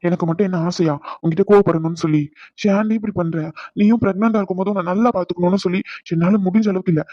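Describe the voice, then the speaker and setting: A man's voice: high-pitched, no room sound, lo-fi sound. A man voicing a stressed young husband in a cartoon, scolding his wife in long rants. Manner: scolding rants, softening into comfort. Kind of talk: cartoon voice acting.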